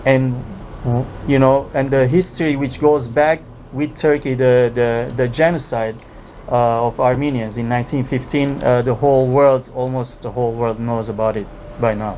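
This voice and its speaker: A man hosting an unscripted discussion, explaining and asking questions in a halting way with frequent pauses. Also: mid-range voice, steady tone, a little mellow, slight background noise. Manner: halting, pausing often mid-sentence. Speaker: talk show host.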